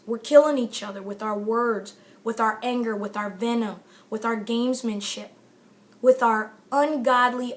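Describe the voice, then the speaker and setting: A woman's voice: fairly high pitch, fairly bright tone. A middle-aged woman giving an impassioned motivational address to camera, emphatic and repeating phrases for stress. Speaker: author giving a talk to camera.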